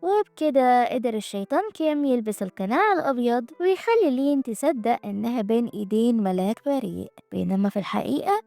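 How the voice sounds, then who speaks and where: A woman with an Egyptian Arabic accent recaps a drama like a lively, gossipy storyteller. Her slightly high voice has a gravelly, mellow texture, recorded dry and close with faint music underneath. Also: fast, dry recording.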